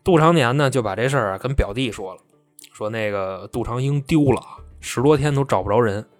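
A man tells a true-crime story in a loose, colloquial, chatty way, often pausing to explain. His pitch moves in a lively way. The voice is dry and close, with faint music underneath. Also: dry recording.

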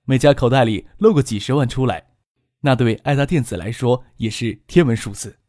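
Male audiobook narrator. Steady and unhurried, at a medium pitch. Dry studio sound. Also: dry recording.

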